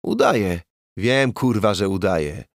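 A man voicing a gruff, worn-out police commissioner in his late forties who barks and curses in angry outbursts. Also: lowish voice, wildly swooping pitch, slow, dry recording, studio quality, full character voice. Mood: furious. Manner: barking, cursing outbursts.

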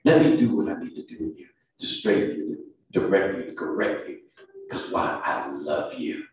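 A man's voice: low voice, moderate pace. A man preaching a sermon and altar call as pastor, with a Southern US accent and a rhythmic delivery that builds into sung, chanted calls. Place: church sanctuary, heard from afar. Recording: distant echoey church with piano. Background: organ or piano music under the preaching.

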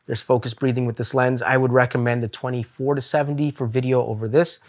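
A man's voice: mid-range voice, flat delivery, fast. A man talking casually to camera in a gear review vlog, candid and chatty, laughing now and then. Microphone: camera-mounted shot on a zoom lens.

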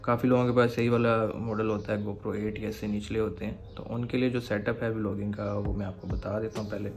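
A young motovlogger with a Pakistani Urdu accent gives a casual tutorial on his motorcycle camera and mic setup, explaining things and repeatedly asking "theek hai" to check in with the viewer. His rather low voice is level and a little fast, with soft music in the background.

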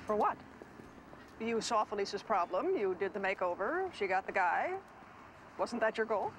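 An actress playing a wise, dry-humored teacher who lectures her students calmly, in a 1990s sitcom. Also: medium pitch, normal speed, a little hiss or hum, natural voice, poor audio. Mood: patient. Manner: calm, wry and lecturing.

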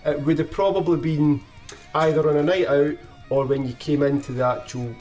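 A man's voice: on the high side, steady tone, moderate pace, a little mellow, distant mic, soft background music. A middle-aged Scottish man hosting a casual interview in a small home studio, chatty and asking leading questions. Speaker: podcast host. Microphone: desk microphone, camera set back.

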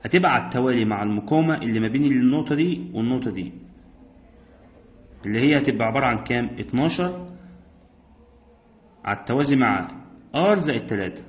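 A man's voice: medium pitch, expressive, quick pace, long pauses. A man with an Egyptian accent, teaching physics by working exam problems step by step, asking himself questions and answering them. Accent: Egyptian Arabic. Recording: roomy echo.

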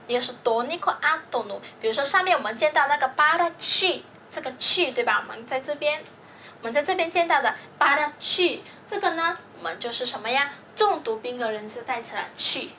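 A woman's voice: high voice, lively intonation, fairly quick, sharp tone, slight background noise. A woman teaching a grammar lesson, explaining patiently step by step and often checking that students follow. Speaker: language teacher.

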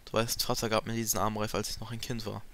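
A man reading out the lines of a polite, gentle young princess from a game. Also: lowish voice, completely flat delivery, quick pace, slight background noise.

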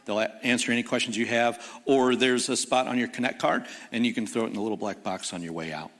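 A man giving a church announcement on stage in a plain, slightly halting way, speaking into a stage microphone in a church sanctuary. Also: mid-range voice, fairly bright tone. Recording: long reverb of a church hall.

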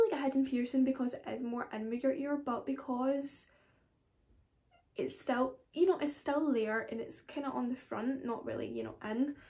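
Chatty high-voiced woman. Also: a little mellow. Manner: chatty and rambling, with frequent asides. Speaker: beauty vlogger. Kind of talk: casual chat to camera.

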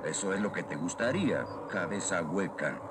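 A man's voice: low-pitched, expressive, moderate pace, heavy background noise. A man voicing a steadfast, wry middle-aged warrior inventor in a Latin American Spanish cartoon dub. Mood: defiant. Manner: firm, defiant.

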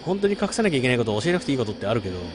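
A man's voice: mid-range voice, sing-song, rapid-fire, background noise. A man streaming a game late at night, chatting casually and muttering reactions to the gameplay. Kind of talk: late-night casual chat while gaming.

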